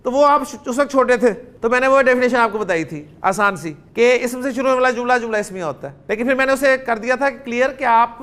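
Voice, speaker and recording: A man teaching a grammar class at a steady, deliberate pace. He quizzes his students with short questions and draws out each sound slowly. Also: very high-pitched. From Pakistan.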